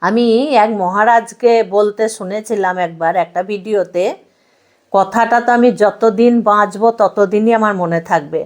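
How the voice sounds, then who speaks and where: A woman's voice: mid-range voice, normal speed. A woman giving a devotional sermon, stressing her points in repeated parallel phrases and asking her listeners rhetorical questions. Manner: repetitive emphatic preaching lists. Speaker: religious speaker.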